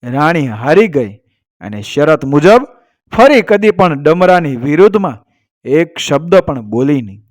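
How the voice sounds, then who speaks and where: A man narrating a traditional folk tale in a steady storytelling manner. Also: on the high side, measured pace, no room sound, clean studio sound.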